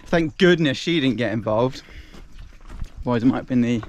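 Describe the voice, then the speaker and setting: A man's voice: mid-range voice, expressive, normal speed, a little hiss or hum. A man hosting a family vlog, chatting in an upbeat, easygoing way while he walks around outdoors on a rural farm. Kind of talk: casual vlog narration.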